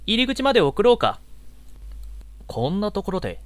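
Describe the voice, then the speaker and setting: A man playing a gentle, easily exasperated young male unicorn in an audio drama role-play, with a polite, boyish, flustered manner. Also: high-pitched, very animated, normal speed, no room sound. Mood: friendly, courteous.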